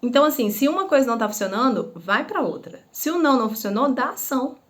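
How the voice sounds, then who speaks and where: A woman's voice: high-pitched, expressive, fast talker. A woman, a former schoolteacher, gives casual parenting advice to camera, explaining with rhetorical questions and acted-out examples. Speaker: parenting educator.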